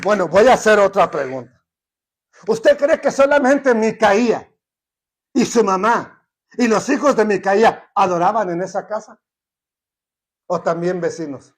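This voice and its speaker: A man's voice: sits high, a little slow, long pauses. A man teaching a Bible study in a conversational way, often checking in with rhetorical questions.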